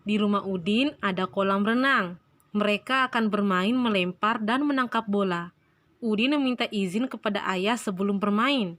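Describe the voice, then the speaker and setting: A woman teaching a primary school lesson to young children, reading slowly and clearly. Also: medium pitch, fairly bright tone, no room sound. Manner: slow, clear, instructive reading.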